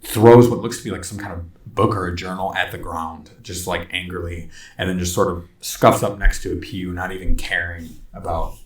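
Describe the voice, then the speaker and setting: Deep-voiced game master in an echoey room. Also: male voice, steady tone, moderate pace. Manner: loose and descriptive, full of "sort of" and "like". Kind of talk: casual narration of a tabletop game. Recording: echoey room, distant from mic.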